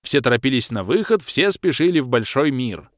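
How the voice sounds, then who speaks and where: A man's voice: medium pitch, sing-song, brisk, dry recording, studio quality. A man narrating a first-person audiobook in a blunt, defiant voice.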